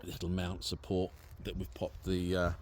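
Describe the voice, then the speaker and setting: Here a vehicle owner from Britain shows off an installation in a relaxed, informal way, speaking to a handheld camera or phone at normal speed. His low voice is monotone and a little mellow, with a faint hiss or hum underneath.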